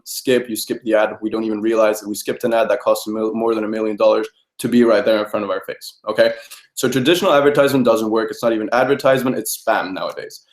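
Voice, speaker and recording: Young male trainer, rapid persuasive delivery, leans on "okay?", roomy sound. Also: medium pitch. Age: young adult. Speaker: network marketing trainer. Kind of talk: training talk to a group. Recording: roomy echo.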